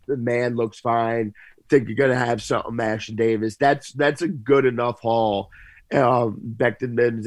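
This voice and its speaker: A man giving casual sports analysis on a podcast, halting as he thinks aloud. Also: fairly low pitch, no echo.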